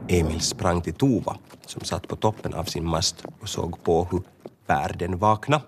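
A man narrating a children's storybook with a lively, expressive reading. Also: low-pitched, background noise.

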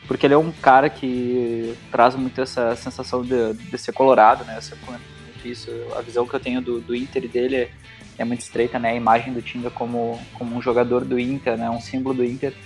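Gaúcho guy, medium pitch, casual football chat with music behind. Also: level tone, fast. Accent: southern Brazilian, gaúcho. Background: music under the talk.

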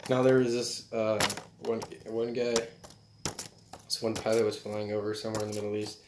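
A young man chatting casually with a friend, laid-back and slangy and quick to laugh. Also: lowish voice, flat delivery, background noise. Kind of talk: casual chat. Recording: roomy echo.

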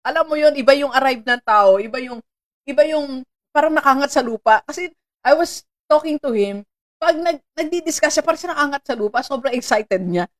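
A Filipino woman hosting a live-streamed motivational talk, chatty and animated, laughing often and greeting viewers by name. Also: high-pitched, fairly quick. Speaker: motivational host.

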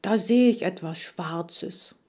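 A woman voicing a cautious, bossy male hamster in an audiobook, speaking low and measured. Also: dark tone. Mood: dry and bossy. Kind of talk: audiobook character voice.

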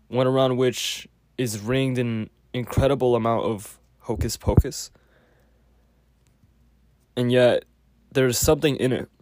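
A man giving a casual spoken lecture with a clogged nose, halting often with fillers and restarts. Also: medium pitch, a little mellow, no echo. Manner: halting, many fillers and self-corrections. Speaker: podcast host.

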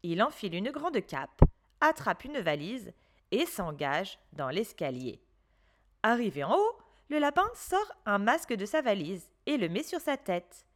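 A woman storyteller reading a children's story aloud, gentle and expressive. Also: mid-range voice, measured pace.

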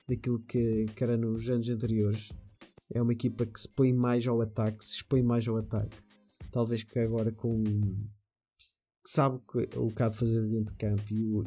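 Guy doing a chatty football podcast, really dark mellow voice, music underneath. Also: mid-range voice. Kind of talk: conversational podcast monologue.

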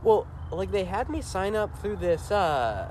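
A man's voice: sits high, sing-song, unhurried, a little mellow, a little hiss or hum. Joking, rambling male podcast co-host. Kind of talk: casual chat.

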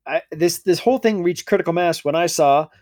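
A man's voice: on the high side, brisk, a little mellow. A man co-hosting a podcast, ranting in casual profane chat and swearing freely. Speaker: podcast co-host.

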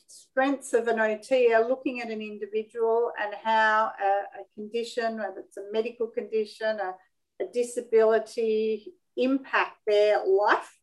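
A woman from Sydney in her fifties with an Australian accent, answering interview questions over a video call. Her voice sits a little high, and she talks in a measured, friendly way, pausing with small ums as she gathers her thoughts. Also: poor audio. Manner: warm, measured, with frequent ums. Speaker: occupational therapist guest. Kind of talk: interview conversation.

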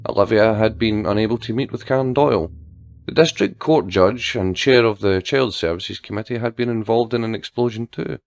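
A man narrating a story aloud in a steady storytelling style and doing voices for the characters. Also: fairly low pitch, brisk, vocal fry, no room sound, lo-fi sound.

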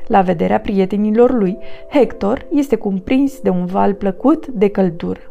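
A woman narrating a children's audiobook in a gentle storytelling manner. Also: medium pitch, gravelly, faint music behind.

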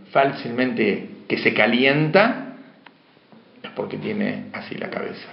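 A man lectures a class, posing questions and then answering them himself. His voice sits at an ordinary pitch. The recording is slightly muffled and echoey, with faint room noise behind him. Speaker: teacher.

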